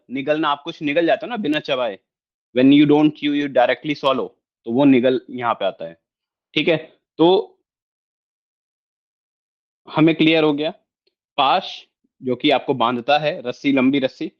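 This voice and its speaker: A man teaches an online lesson, walking through each point patiently and pausing often with check-ins. His voice sits a little high for a man. The audio is slightly dull and lo-fi. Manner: explanatory, mixes Hindi with English, frequent check-ins. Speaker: astrology teacher. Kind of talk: online lesson with screen share.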